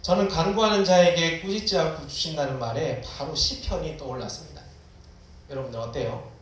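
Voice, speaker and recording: A man's voice: fairly high pitch, fairly quick, fairly bright tone, heavy reverb, recorded from a distance, poor audio. A man preaching a sermon to students, switching between casual and formal speech and crying out lines of prayer with force. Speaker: pastor.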